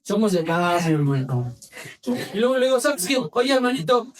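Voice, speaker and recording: Emphatic pastor preaching in church. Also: male voice, sits high, very animated, distant mic. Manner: asks the congregation questions and has them repeat phrases; emphatic, shifts from brisk to slow and soft. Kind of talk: sermon.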